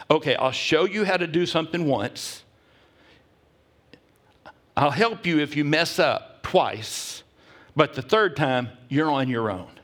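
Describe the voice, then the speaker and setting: A man's voice: mid-range voice, a bit bright. A man acting out a stern, blunt mother who gives her blind son firm commands.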